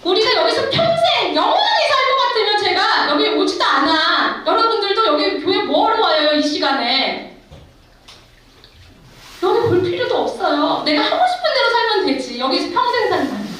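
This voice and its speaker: A woman's voice: very high voice, big pitch swings, normal speed, sharp tone. A middle-aged woman missionary giving an emphatic testimony sermon in a church, exhorting the congregation directly. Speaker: missionary preacher. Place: church sanctuary. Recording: echoey hall, far from the mic.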